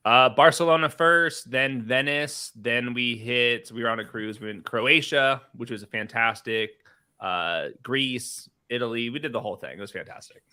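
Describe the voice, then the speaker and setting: Male analyst, casual and rambling, bright mid-pitched voice. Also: normal speed, smooth. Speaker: co-host analyst. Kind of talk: casual podcast chat.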